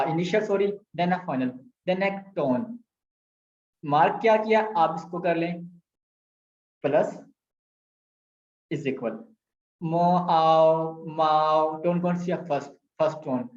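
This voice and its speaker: Slow-talking Pakistani Urdu man teaching. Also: on the high side, darkish tone. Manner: patient, repeats sounds slowly, mixes in English. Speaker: language teacher. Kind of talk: explaining grammar with screen examples. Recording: echoey, slightly dull sound.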